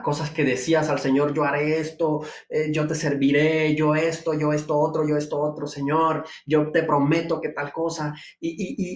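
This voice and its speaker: A pastor delivers a devotional sermon in a fairly high voice that rises sharply on his emphatic rhetorical questions. The sound is echoey, as if he's in a reverberant room rather than close to a dry mic.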